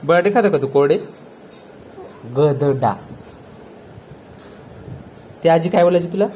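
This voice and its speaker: A man in a casual home video, coaxing a toddler in a playful sing-song voice that climbs high on his questions and breaks into laughter. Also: moderate pace, a little hiss or hum, poor audio. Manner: laughs warmly between prompts. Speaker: family vlogger filming a toddler.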